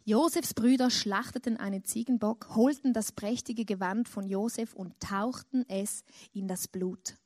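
A woman's voice: medium pitch, unhurried, dark tone, no echo, studio quality. A woman preaching a sermon and retelling a story, rising dramatically when she imagines a grieving father's cries.

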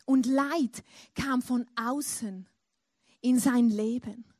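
A woman's voice: fairly high pitch, slow, warm tone, no echo, clean studio sound. A woman preaching a sermon and retelling a story, rising dramatically when she imagines a grieving father's cries.

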